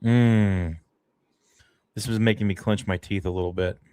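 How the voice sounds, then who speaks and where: Hosting a fan livestream, a man with a low voice talks fast through casual, emotional play-by-play of a football game, full of excitable fan reactions. There's no echo on the recording.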